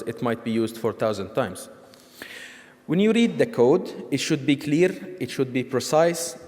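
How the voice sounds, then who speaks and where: A man's voice: mid-range voice, darkish tone. Man from Syria, conference speaker, explanatory, frequent ums and restarts, big reverberant hall. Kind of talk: technical conference talk.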